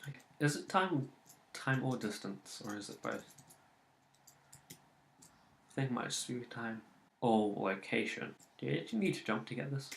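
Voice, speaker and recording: A man's voice: medium pitch, animated, unhurried, vocal fry, pauses often, roomy sound, a little hiss or hum. A man commentating casually on a game he is playing, muttering and swearing at his failed attempts. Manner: muttering, swearing at failures, rambling. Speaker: let's play host.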